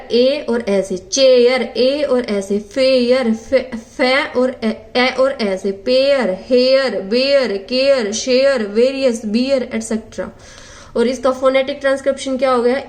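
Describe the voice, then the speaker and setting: A young woman teaching a phonetics lesson for exam prep, sounding out words slowly and answering her own questions. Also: high voice.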